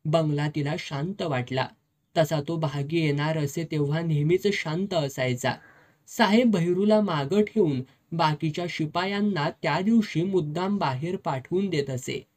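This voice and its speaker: Narrator reading a novel chapter, steady measured pace, mid pitch. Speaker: audiobook narrator. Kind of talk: scripted narration of a serialized novel.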